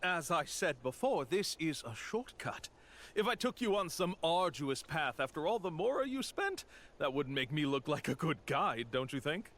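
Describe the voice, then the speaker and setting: An actor playing a slick, bold con-man tour guide in a game, talking smoothly and theatrically. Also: fairly high pitch, lively intonation, moderate pace, fairly bright tone, a little hiss or hum. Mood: smug. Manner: smooth, theatrical, dramatic pronouncements. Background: game music.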